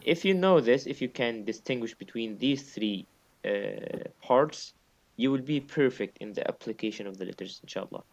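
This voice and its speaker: A man's voice: medium pitch, lively intonation, moderate pace, creaky, highs cut off. A man teaching recitation in a one-on-one lesson, patiently repeating his points and sounding out examples himself.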